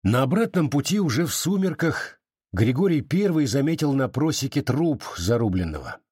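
A man giving measured, expressive literary audiobook narration. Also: medium pitch, slightly rough, no room sound, studio quality.

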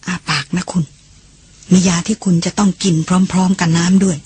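A man reading a gentle, caring young woman tending a patient, speaking softly and soothingly. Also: sits high, fairly even intonation, normal speed, breathy edge. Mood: hushed. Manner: soft, soothing, hushed.

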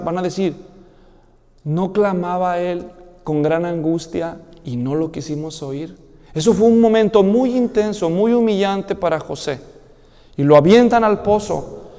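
A man with a Mexican Spanish accent preaching a sermon, telling the story in a lively way and acting out the voices of the people in it. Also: high voice. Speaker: pastor. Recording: hall reverb.

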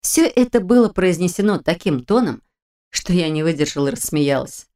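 A woman narrating a first-person fantasy audiobook with a slightly low voice. Her reading is measured and expressive.

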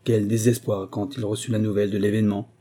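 A man reading a first-person memoir aloud, in measured, even storytelling. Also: fairly low pitch, breathy edge. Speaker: audiobook narrator. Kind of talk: scripted narration.

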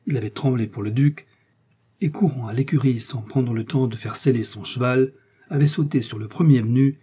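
Husky dark-voiced male narrator. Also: mid-range voice. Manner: measured, dramatic reading. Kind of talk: audiobook narration.

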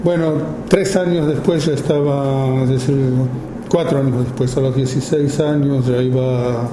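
An Argentine man in his fifties, a photographer, talks informally to an audience about his work in an Argentine Spanish accent. He goes slowly, with many pauses and fillers, at a medium pitch and fairly even intonation. The room is echoey and the background noisy.

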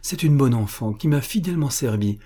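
A man's voice: mid-range voice, expressive, fairly quick, warm tone, breathy edge, voice pushed up. A man reading aloud, voicing a cheerful young student speaking to his mother in a light tone. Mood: cheerful, pleading.

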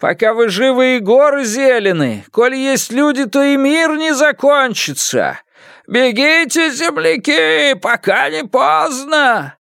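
A man voicing a village crier who calls out warnings in slow, drawn-out phrases. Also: extremely high pitch, sing-song, creaky, fairly bright tone, smooth, dry recording, studio quality, voice pushed up, heavily acted. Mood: urgent warning.

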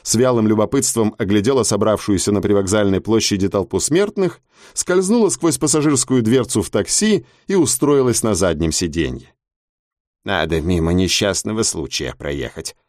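A man reading an audiobook in an expressive, measured narration. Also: lowish voice, no echo, clean studio sound.

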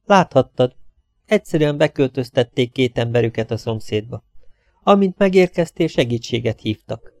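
A man's voice: medium pitch, lively intonation, darkish tone, dry recording, studio quality, close to an everyday voice. A man reading a resourceful young woman agent's lines in an audiobook, urgent and raised.

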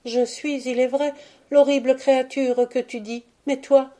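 A tender, pleading young girl, her grief held under a gentle voice, as a woman reading the story puts her on. The tone is raised and bright above the reader's own, yet stays mellow and soft. She sounds like a storybook heroine. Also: a little high, steady tone, unhurried, voice pushed up, lightly acted.

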